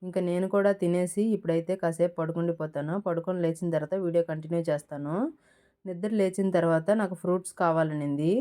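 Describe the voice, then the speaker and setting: A woman's voice: lowish voice, fairly even intonation, fairly quick, warm tone, smooth. A young woman, chatting casually through her day at home in a vlog. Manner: chatty, talks to her toddler in a raised coaxing voice. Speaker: vlogger, mother.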